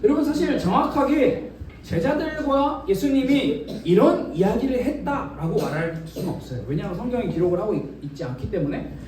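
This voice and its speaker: A man's voice: extremely high pitch, sing-song, a little fast, darkish tone, a little hiss or hum. A man giving a children's sermon in a church, asking the kids questions and acting out imagined dialogue. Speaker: children's ministry preacher. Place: church worship room. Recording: very echoey room, from a distance.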